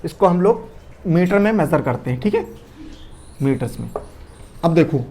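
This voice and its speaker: A man's voice: on the high side, animated, moderate pace, slight background noise. A man lecturing a class, repeating key terms, asking rhetorical questions and often checking that students follow. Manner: shifts loudness and speed to demonstrate. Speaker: teacher.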